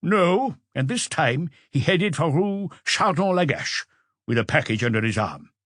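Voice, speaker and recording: A man gives a full character voice, pushed up to a fairly high pitch, for an audiobook witness who is observant, precise and confident, answering matter-of-factly. His fairly bright tone moves through big pitch swings at an unhurried pace, in clean studio sound with no room sound.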